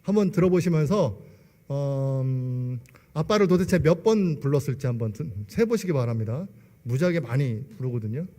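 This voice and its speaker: A man in his forties, mid-range and dark in tone, gives his testimony at a moderate pace with lively intonation. He keeps asking the congregation rhetorical questions inside a church sanctuary whose large hall echoes long.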